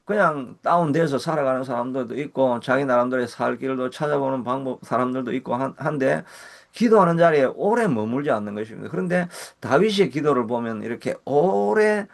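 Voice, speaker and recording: A man pastor with a Gyeongsang Korean accent preaching a sermon, earnest, slowing and rising in pitch when he voices prayers. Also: lively intonation, vocal fry. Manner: earnest, slows and rises when voicing prayers. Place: church service.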